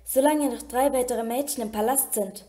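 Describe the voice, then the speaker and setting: A woman voicing a spirited young woman in a storybook reading, pressing her point with lively questions. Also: fairly high pitch, normal speed, natural voice. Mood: doubtful.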